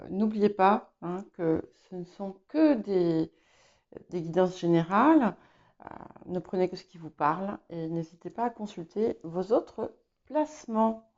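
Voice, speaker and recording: A woman giving a spoken tarot reading, hesitant and filling pauses as she talks. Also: mid-range voice, warm tone, highs cut off. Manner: hesitant, many fillers and restarts. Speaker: tarot reader. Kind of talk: casual spoken tarot guidance.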